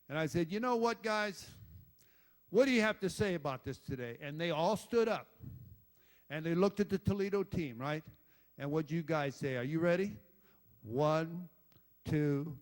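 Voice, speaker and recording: An older man, a former football coach, giving a rambling speech full of stories, blunt and salty, swearing and joking with the crowd. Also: on the high side.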